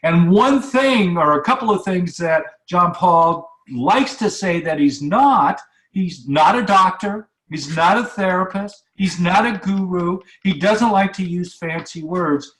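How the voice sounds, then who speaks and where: A man's voice: sits high, a little slow, a bit bright. Talkative male radio host, roomy sound. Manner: conversational, with many fillers and repeats. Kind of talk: casual interview.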